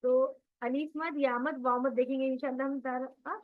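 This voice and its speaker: A woman's voice: sits high, fairly even intonation, normal speed, phone-quality sound. A woman teaching Quran recitation in an online class, patiently drilling sounds and quizzing her students.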